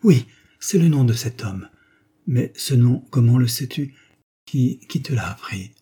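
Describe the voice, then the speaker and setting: A man reading the part of a dying old woman who speaks in halting, breathless pleas that drop to whispers. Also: medium pitch, lively intonation, mellow, slightly rough, pitched above the performer's own voice. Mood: pleading.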